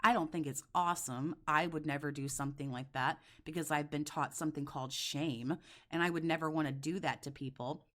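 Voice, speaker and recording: A woman's voice: deep voice, steady tone, a little fast. A woman giving reaction commentary in a blunt, scolding, sarcastic and sweary way.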